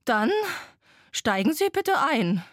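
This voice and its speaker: A woman's voice: on the high side, sing-song, takes it slowly, a bit bright, no room sound, studio quality, pitched above the performer's own voice, exaggerated voice. A woman voicing a rusty old toy train that puffs and groans as it talks. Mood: weary. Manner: puffing, groaning.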